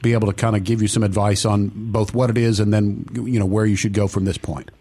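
Brisk-talking male radio phone-in host. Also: lowish voice, little pitch movement, warm tone, breathy edge. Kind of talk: casual hosting of a call-in show.

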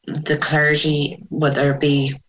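A woman's voice: low-pitched, monotone, takes it slowly, rough recording. Irish woman, west of ireland accent, talking about her life in an interview, thoughtful, bit hesitant. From Sligo, west of Ireland. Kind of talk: personal interview, recounting memories.

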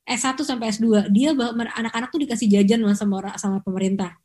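A young woman, co-hosting a podcast in casual, animated chat. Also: a little high, quick pace. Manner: chatty, animated storytelling with Jakarta slang. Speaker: podcast co-host.

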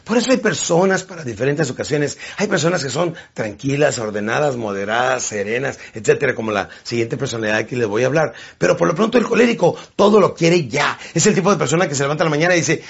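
A man giving an animated motivational seminar talk, slipping into quick character voices. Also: medium pitch, vocal fry, breathy edge, dull audio. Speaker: motivational speaker.

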